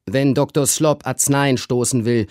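A man voicing an irritable, pompous older gentleman who blusters at his household in a literary reading. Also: mid-range voice, fairly even intonation, unhurried, dry recording, clean studio sound, voice pushed up, close to an everyday voice. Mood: blustering. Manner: gruff and blustering.

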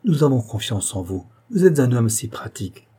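Guy doing a nervous young husband, earnest and a bit pleading, mellow husky tone. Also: medium pitch, sing-song, moderate pace. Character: anxious young newlywed husband.

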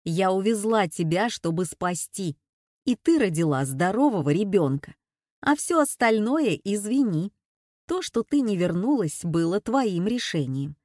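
A woman's voice: mid-range voice, big pitch swings, unhurried, darkish tone, no room sound, studio quality. Older woman, strong-willed sister, blunt and self-assured, read by a woman. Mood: sardonic.

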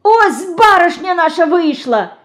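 Woman voicing Ulyanka, shrill excited village girl. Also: slow pace, exaggerated voice. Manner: excited calling out.

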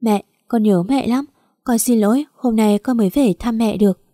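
A woman's voice: a little high, normal speed, dark tone, dry recording, studio quality, natural voice. A woman voicing an unhappy young wife, tearful and pleading.

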